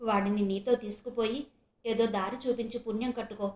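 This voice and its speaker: A weary middle-aged mother, played by a woman reader, pours out her sorrow in a lamenting tone. Her voice is fairly high, recorded in a roomy space. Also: fairly even intonation, a little fast, a little mellow, close to an everyday voice. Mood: sorrowful.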